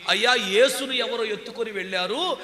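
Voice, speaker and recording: A man's voice: sits high, normal speed, sharp tone. A man voicing a grieving woman who pleads to find her lord, in a sermon retelling. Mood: pleading. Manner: pleading, urgent. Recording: echoey hall.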